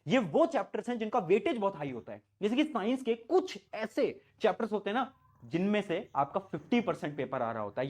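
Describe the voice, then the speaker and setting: Upbeat man giving an exam pep talk. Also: high voice. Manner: pep-talk, addresses students directly, repeats phrases. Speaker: online tutor for board exams. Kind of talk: motivational exam-prep talk to students. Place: indoor room, standing before camera.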